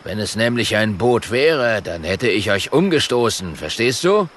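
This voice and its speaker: A man's voice: on the low side, very animated, measured pace, a bit bright, a little hiss or hum. A man voicing a grumpy, grumbling male hippo in a children's audiobook. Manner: grumbling, gruff.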